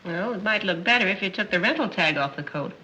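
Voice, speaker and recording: Sassy deadpan maid, very sharp forceful voice, screwball comedy wisecracks, old noisy 30s movie sound. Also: female voice, medium pitch, fast talker. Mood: deadpan, sardonic. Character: wisecracking, world-weary, sharp-tongued household maid. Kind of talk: 1930s screwball film comedy acting.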